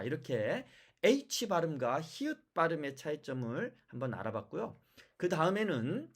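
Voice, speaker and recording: Lively-pitched pronunciation teacher, slow examples. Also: slightly rough. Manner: explains step by step, repeats example words slowly. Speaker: language teacher. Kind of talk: pronunciation lesson. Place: lives in China.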